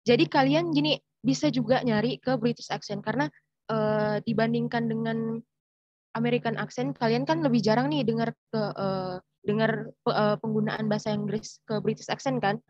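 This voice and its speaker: A woman's voice: fairly high pitch, steady tone, normal speed, darkish tone, no room sound, lo-fi sound. A young woman from Indonesia answering questions in an online writing class, explaining with lots of fillers and restarts. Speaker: writing workshop mentor. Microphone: video call.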